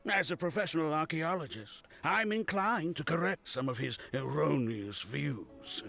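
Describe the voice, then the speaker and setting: Pompous, creaky male archaeologist. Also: fairly high pitch, lively intonation, unhurried, a bit bright, soft background music, full character voice. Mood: pompous, insistent. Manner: pompous, pedantic, emphatic. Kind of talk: video game voice acting.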